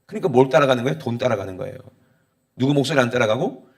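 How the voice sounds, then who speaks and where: A male pastor preaching a sermon, drawing the congregation in with repeated "Amen?" and moving between hushed, low passages and loud, emphatic exhortation. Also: animated, rapid-fire, gravelly. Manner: preaching with frequent call-and-response "Amen?" questions to the congregation.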